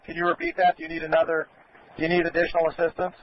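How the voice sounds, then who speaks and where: A male fire commander gives instructions on a dull-sounding radio channel with faint noise. His voice is slightly high and stays even in tone as he directs crews in an orderly, polite way. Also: racing. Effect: two-way radio.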